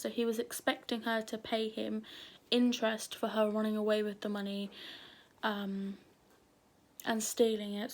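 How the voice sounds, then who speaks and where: A woman telling a true crime story at home late at night, nervous and often dropping to a whisper. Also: a little high. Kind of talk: casual true crime narration.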